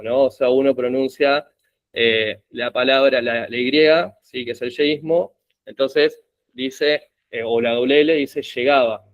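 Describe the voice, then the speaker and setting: Hombre argentino dando clase, sonido apagado. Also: male voice, a little high, dry recording, dull audio. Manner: explanatory, checks in with frequent "¿sí?". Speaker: teacher. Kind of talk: university lecture.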